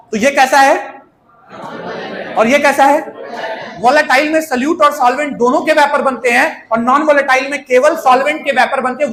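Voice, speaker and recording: A man's voice: very high-pitched, fairly bright tone, roomy sound. A male chemistry teacher giving a chatty lecture, asking students questions and using playful everyday examples.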